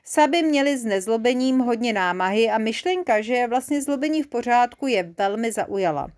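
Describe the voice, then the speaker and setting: A woman reading a children's story aloud in a lively, expressive way. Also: a little high.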